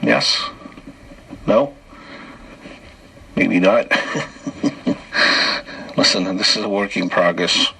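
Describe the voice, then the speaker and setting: A man's voice: low voice, fairly even intonation, drawn-out words, vocal fry, pauses often, sharp tone, slightly rough, poor audio. A man hosting his own podcast and telling wry, off-the-cuff jokes alone, chuckling between the bits. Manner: loose and off-the-cuff, with restarts. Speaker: podcast host. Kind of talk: solo comedic podcast monologue.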